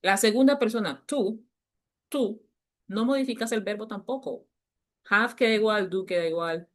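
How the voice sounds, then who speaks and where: A woman teacher explaining grammar to a class, patiently repeating key points and slowing down to stress them. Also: mid-range voice. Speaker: English teacher.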